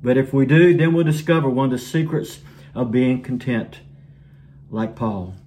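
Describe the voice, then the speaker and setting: A man preaching a sermon in an earnest way, his voice sinking soft and low at the ends of lines. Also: normal speed, a little hiss or hum.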